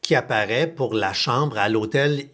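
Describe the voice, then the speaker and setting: A man with a Québécois accent hosting a podcast, talking in an animated, colloquial way with casual swearing. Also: mid-range voice, measured pace. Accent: Québécois French. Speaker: podcast host.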